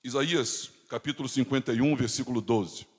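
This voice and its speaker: A Brazilian man with a Rio de Janeiro accent preaching a sermon, swinging between loud and hushed emphasis. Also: medium pitch, a little fast. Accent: Rio de Janeiro Portuguese. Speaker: pastor. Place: church. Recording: hall reverb.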